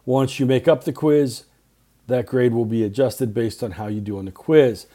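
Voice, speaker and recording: A man's voice: medium pitch, steady tone, normal speed, dark tone. A middle-aged male teacher recording class announcements for his students' podcast, talking in clipped short phrases with earnest reminders.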